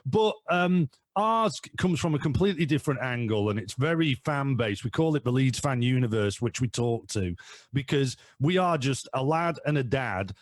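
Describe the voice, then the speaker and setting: A man's voice: medium pitch, expressive, normal speed, no echo, studio quality. Enthusiastic father rambling about his podcast. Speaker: podcast guest, father and co-host of a fan podcast. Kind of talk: casual chat.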